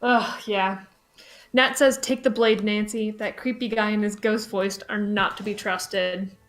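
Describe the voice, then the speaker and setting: A woman's voice: medium pitch, steady tone, unhurried. A woman co-hosting a game stream, reading out chat and commenting in a casual, sardonic, sweary way.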